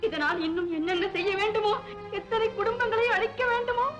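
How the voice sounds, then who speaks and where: A woman's voice: very high-pitched, a little fast, highs cut off. An actress playing a grieving woman who bitterly accuses a ruthless man, in 1960s Tamil film acting with music behind. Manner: bitter and accusing, rising to outrage.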